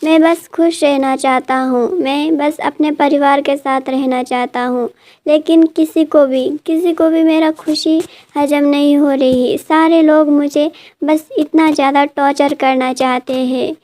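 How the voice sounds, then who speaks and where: A woman's voice: high voice, steady tone, unhurried, a little mellow. A woman reading the lines of a grieving, wounded young man who asks desperate questions. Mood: despairing. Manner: despairing, pleading questions.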